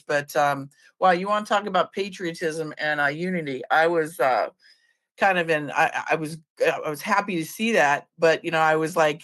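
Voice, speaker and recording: A woman's voice: on the low side, fairly bright tone. Woman talk-show host, chatty and loose, lots of fillers and restarts. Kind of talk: casual chat.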